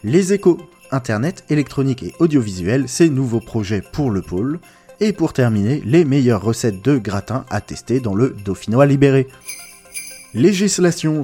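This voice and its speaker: A man's voice: mid-range voice, mellow, husky. A man playing an upbeat morning newsreader on a Christmas elves' radio station, reading a scripted comic bulletin in a playful announcer manner. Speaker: radio news presenter.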